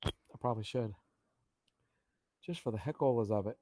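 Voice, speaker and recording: A man's voice: medium pitch, moderate pace, dark tone, dry recording, studio quality. A middle-aged man co-hosting a casual live-stream chat, joking and exclaiming often with trailing asides.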